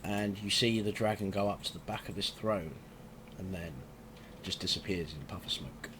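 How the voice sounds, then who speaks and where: A man acting as game master, narrating a tabletop game with a mix of halting improvisation and read-out description. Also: deep voice. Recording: faint background noise.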